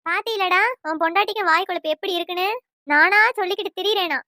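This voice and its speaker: A taunting, nagging cartoon mother-in-law, put on by a woman, pitched very high and bright. She scolds without pause, every line a jab. The sound is dry and close. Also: dry recording. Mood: furious. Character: scolding middle-aged mother-in-law, sharp-tongued. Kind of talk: cartoon voice acting.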